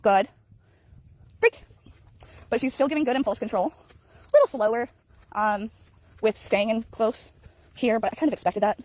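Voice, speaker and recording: A woman dog trainer walking a dog in an outdoor park, explaining calmly and praising the dog in high sing-song bursts. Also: moderate pace, pauses often, dry recording. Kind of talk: casual vlog narration while training a dog. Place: outdoor park path near geese.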